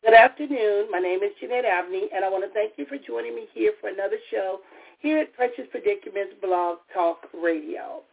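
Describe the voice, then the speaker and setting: A therapist hosting her own radio talk show speaks in a heartfelt, personal way, restarting and stammering, her voice raspy as she recovers from a cold. She's mid-range and brisk, with faint music behind and tinny phone-line call-in audio.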